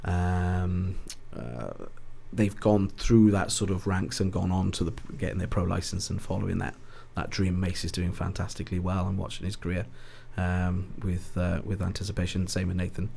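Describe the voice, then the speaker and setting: A Valleys-accented boxing ring announcer from Ebbw Vale chats casually as a podcast guest, rambling and correcting himself hesitantly. His voice sits low, mellow and gravelly, with fairly even intonation, normal speed and hardly any pauses. A little hiss or hum is audible.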